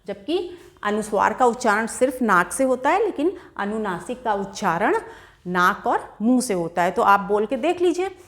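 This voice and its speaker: A woman's voice: medium pitch, big pitch swings, fairly bright tone. Patient woman teaching Hindi grammar. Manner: patient, addresses children directly, sounds out words slowly. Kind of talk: grammar lesson for students.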